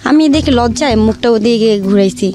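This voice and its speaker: A young woman speaks at a moderate pace in a voice on the high side, chatting through her own life story with a Bangladeshi accent. She uses colloquial speech, re-enacts the dialogue, and background music accompanies her.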